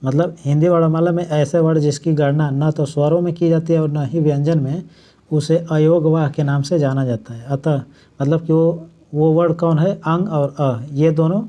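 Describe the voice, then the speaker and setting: A man teaches an exam-prep Hindi grammar lesson, explaining each point step by step and then restating it more simply. His voice is fairly high for a man yet warm and mellow, with fairly even intonation, and he draws out example words slowly.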